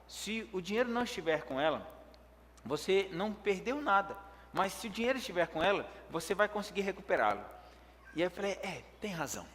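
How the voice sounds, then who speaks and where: High-voiced man preaching in an echoey hall. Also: a little fast, a little hiss or hum. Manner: vivid storytelling that acts out his own words; lively when telling the action, hushed in prayer. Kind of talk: storytelling sermon.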